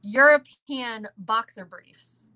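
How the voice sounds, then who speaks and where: On a low-quality recording, a business owner from the American South chats casually as a podcast guest. She speaks slowly in a bright, forceful voice on the high side, and her answers come out playful, emphatic and full of opinions.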